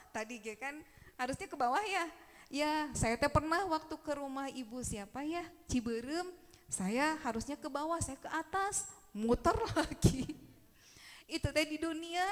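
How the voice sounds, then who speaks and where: High-voiced Sundanese woman teaching in a hall. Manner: casual and lively, acting out little scenes. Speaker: Quran teacher. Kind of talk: religious study talk.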